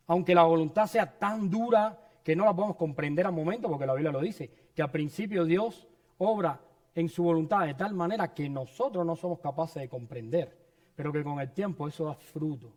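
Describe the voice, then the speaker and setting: A man's voice: fairly high pitch, brisk. A man preaching a sermon in a church, earnest and personal, sharing his own story and addressing the congregation as brothers. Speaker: pastor.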